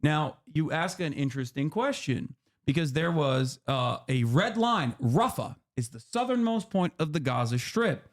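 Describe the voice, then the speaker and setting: Streamer host, man, 30s, slightly high voice, heated and profane explainer. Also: animated, unhurried. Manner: impassioned, profane, rising to near-shouting emphasis. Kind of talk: heated political explainer to a guest.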